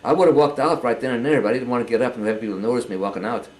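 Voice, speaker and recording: An older man giving a halting, earnest personal testimony, often repeating words as he goes. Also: mid-range voice, rough recording. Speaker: interviewee.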